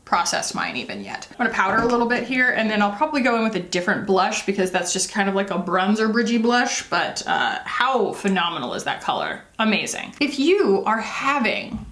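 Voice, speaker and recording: A woman's voice: medium pitch, expressive, a little fast, a bit bright. A woman beauty vlogger talking casually and confessionally, in a candid, empathetic way with emphatic asides. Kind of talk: casual confessional chat while doing makeup.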